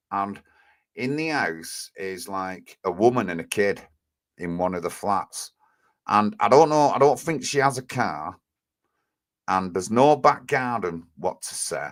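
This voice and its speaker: Blunt Oldham man, low voice. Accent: Oldham, Northern English. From Oldham, England. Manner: blunt, rambling, indignant. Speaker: live stream host. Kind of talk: casual live-stream chat.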